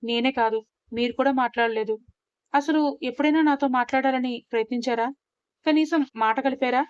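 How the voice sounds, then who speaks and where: A woman's voice: high-pitched, brisk, clean tone, no room sound, lo-fi sound, lightly acted. A woman doing an emotional young newlywed wife. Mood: sulky.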